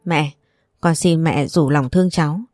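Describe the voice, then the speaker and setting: A woman's voice: deep voice, normal speed, darkish tone, no room sound, studio quality, faint music behind, natural voice. A woman voicing a humble young mother who pleads and apologizes. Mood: pleading.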